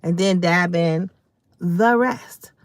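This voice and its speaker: Slow-talking woman chatting on a live stream. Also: fairly low pitch. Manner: chatty, addresses viewers warmly as y'all and baby. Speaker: livestream host. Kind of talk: casual live stream chat. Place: at home.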